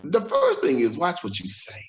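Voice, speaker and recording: A man's voice: medium pitch, wildly swooping pitch, moderate pace. A man, a guest telling stories candidly and animatedly in conversation. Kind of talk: storytelling in conversation. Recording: roomy echo.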